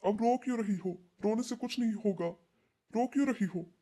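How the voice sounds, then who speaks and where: A woman's voice: fairly high pitch, moderate pace, dark tone, natural voice. Woman playing a worried young husband. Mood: reproachful. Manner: urgent, reproachful. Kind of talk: home-made short drama.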